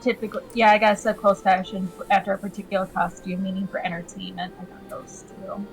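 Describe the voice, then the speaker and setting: A woman's voice: mid-range voice, level tone, fast, soft background music, low-quality recording. A woman chatting casually as a player in a tabletop game. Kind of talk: casual chat.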